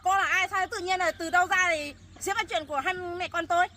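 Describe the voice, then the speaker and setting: A woman's voice: very high voice, fairly even intonation, fast talker, sharp tone. A young woman playing a cruel, bossy daughter-in-law who harshly scolds and orders around her mother-in-law in a field. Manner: harsh, scolding, impatient commands. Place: outdoors in a rural field. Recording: noisy outdoor field recording.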